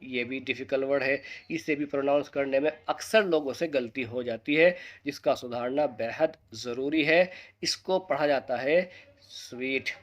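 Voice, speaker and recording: Man teaching pronunciation. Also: a bit bright. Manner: slows and drops low on each correct word. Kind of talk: scripted lesson with quiz questions to viewers.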